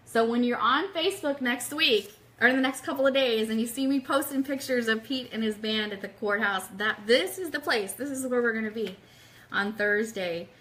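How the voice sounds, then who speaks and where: This woman's voice sits on the high side, a bit bright, at normal speed. She runs a radio show livestream, reading a book aloud and chatting casually and eagerly with listeners.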